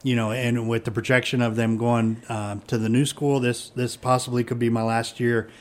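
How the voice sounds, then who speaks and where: A man's voice: mid-range voice, flat delivery, moderate pace. A middle-aged man, a police chief, chatting casually and rambling with many fillers and restarts. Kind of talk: casual conversation.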